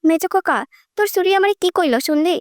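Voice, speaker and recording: A woman's voice: extremely high pitch, quick pace. A woman voicing a vain, quarrelsome old grandmother who scolds sharply. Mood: indignant.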